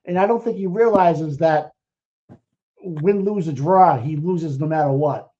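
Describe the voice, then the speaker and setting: A man co-hosting a casual chat, excitable and profane, rambling with restarts. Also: on the high side, measured pace. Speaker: co-host. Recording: muffled lo-fi stream audio.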